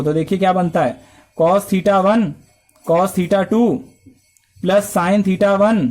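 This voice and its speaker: A man's voice: sits high, a little mellow. A male math teacher lecturing a class, explaining step by step and asking and answering his own questions.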